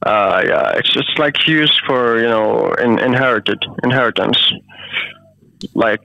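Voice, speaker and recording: A man with an Indian accent reading a scripted sales pitch over the phone, hesitant and repeating words when pressed. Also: a little slow, gravelly, pushed and bright, no echo. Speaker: scam caller. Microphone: phone call. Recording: dull phone-line audio.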